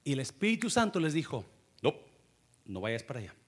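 A man preaching a lively sermon as pastor, acting out scenes, calling out sound effects and laughing. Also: mid-range voice, brisk. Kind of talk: energetic bilingual sermon. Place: church.

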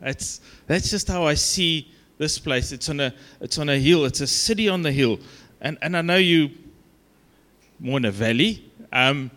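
His pitch is fairly high, his intonation lively, and his tone a bit bright. He's a South African man with a broad Afrikaans accent, delivering a casual guest sermon in a halting, conversational manner that pokes fun at himself.

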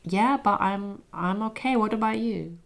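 A woman's voice: mid-range voice, unhurried, vocal fry. A woman chatting casually in a hesitant, understated way, often trailing off. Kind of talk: casual chat.

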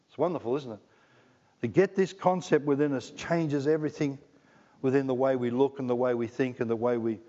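In a mellow mid-range voice, a middle-aged Australian man gives a conversational, humorous sermon, often turning to the congregation with questions. The audio is dull and lo-fi, recorded in a hall with lots of reverb.

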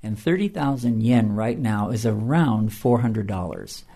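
A missionary minister from Washington State in an interview, speaking in a plainspoken, matter-of-fact way. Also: male voice, lowish voice, lively intonation, unhurried, creaky, dark tone. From Washington State, United States.

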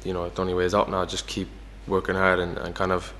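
Young irish guy, low steady voice, talks quick, bit of reverb on it. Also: slight background noise. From Ireland. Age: young adult. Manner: chatty, many fillers like "you know". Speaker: footballer guest. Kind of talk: casual interview.

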